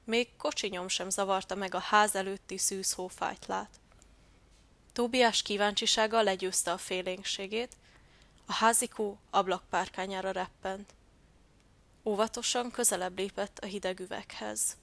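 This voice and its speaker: A woman narrating a children's Christmas story in a calm, gentle storytelling manner. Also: mid-range voice, gravelly, no room sound.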